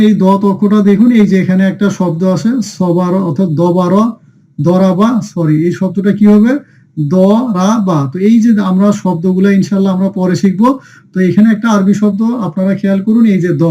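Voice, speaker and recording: A man's voice: high-pitched, warm tone, muffled recording. Patient man drilling letters aloud. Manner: drills letters by call and answer, repeating each sound; patient, addresses dear students often. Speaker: Quran reading teacher. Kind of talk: online Arabic letter lesson.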